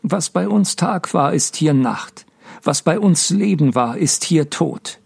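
A man voicing a weary, broken old father who speaks in a slow, mournful lament in an audiobook reading. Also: fairly high pitch, animated, creaky, darkish tone, breathy edge, no echo, voice pushed up, heavily acted. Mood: grieving.

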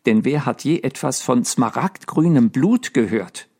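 A man's voice: medium pitch, animated, vocal fry, darkish tone, slightly rough, full character voice. A man voicing a pert young American girl. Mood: indignant. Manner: brisk, matter-of-fact, cheeky.

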